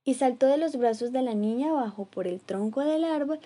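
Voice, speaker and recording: A woman reading a children's story aloud in a gentle, rhythmic way. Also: sits high, moderate pace, breathy edge. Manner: gentle, rhythmic, lively read with repeated refrains.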